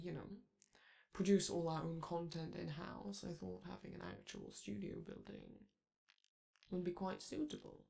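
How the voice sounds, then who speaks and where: A performer voices a vain, charming robot TV star, a flamboyant male character who flirts with the listener and talks theatrically in a romantic audio roleplay. The voice is medium-pitched, gravelly and darkish.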